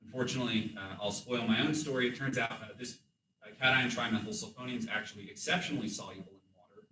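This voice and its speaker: A man's voice: mid-range voice, steady tone, fast talker, sharp tone, far from the mic. Guy doing a thesis defense, kinda hesitant and hedging, roomy echo, bit of background noise. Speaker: doctoral candidate presenting research. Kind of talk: academic thesis defense presentation. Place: room with audible echo.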